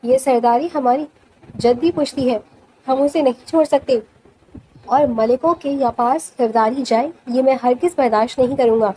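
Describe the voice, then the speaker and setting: A woman's voice: high voice, warm tone, a little hiss or hum, close to an everyday voice. A woman voicing an angry, domineering grandfather who heads the clan, speaking in a firm, final way in a storybook reading. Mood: stern commanding. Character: stern old male clan patriarch, commanding.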